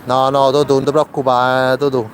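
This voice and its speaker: Neapolitan man over loud street noise. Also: medium pitch, completely flat delivery, fairly quick. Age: 30s. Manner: reassuring, repeats short phrases. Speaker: charity volunteer hosting a live street video. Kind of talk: casual live street chat. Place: outdoor city street. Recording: noisy outdoor city street with traffic.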